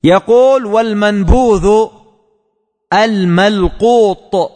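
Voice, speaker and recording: Slow, high-voiced man teaching in echoey hall. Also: darkish tone. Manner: slow, repeats key words as questions to students. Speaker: religious teacher. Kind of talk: hadith lesson explanation.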